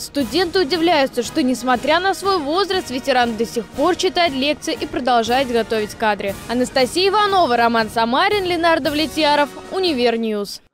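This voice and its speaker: A woman reporter delivering scripted news narration in a steady, even read. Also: sits high, a little fast, hardly any pauses, soft background music.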